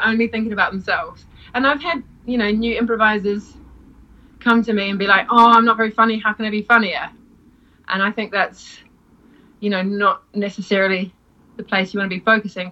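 A woman's voice: medium pitch, a bit bright, dull audio. A woman who teaches improv, chatting casually, laughing often and acting out quoted lines. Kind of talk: casual podcast chat.

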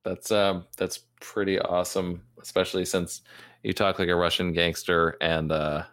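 A man's voice: low voice, little pitch movement, normal speed, a bit bright. A man hosting a casual podcast interview, joking and asking playful questions.

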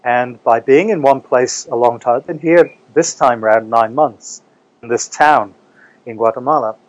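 A man's voice: mid-range voice, moderate pace, no room sound, poor audio. A man from New Zealand talking casually as a guest in an interview. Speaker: interview guest, English teacher.

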